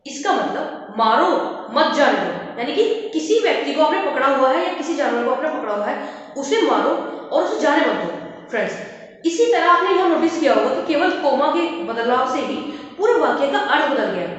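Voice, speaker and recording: A woman teaching a grammar lesson who keeps calling her viewers "friends" and explains each point slowly with examples. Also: sits high, expressive. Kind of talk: classroom-style grammar lesson. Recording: echoey, dull lo-fi room recording.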